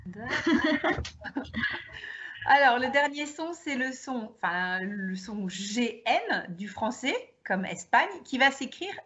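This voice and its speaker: A woman's voice: fairly high pitch, animated, slow, muffled recording, background noise. A woman teacher guiding a partner through pronunciation examples, prompting her to speak. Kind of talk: classroom demonstration dialogue.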